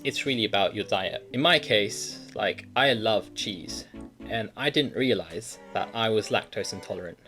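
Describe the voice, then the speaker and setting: A young man hosting an advice show reads a viewer email aloud, then chats casually about it, laughing easily and often restarting his sentences. His voice is fairly low in pitch with a fairly bright tone.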